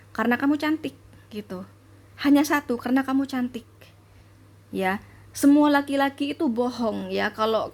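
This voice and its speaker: Chatty woman reading tarot. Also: a little high. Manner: chatty, repetitive, addresses viewers directly. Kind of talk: casual tarot reading monologue.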